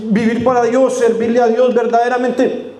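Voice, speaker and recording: Male pastor, high mellow voice, earnest sermon, roomy church mic. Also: level tone, normal speed. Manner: earnest, addressing the congregation directly; dramatic drops to a hushed voice for quotes. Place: church sanctuary. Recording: echoey church room.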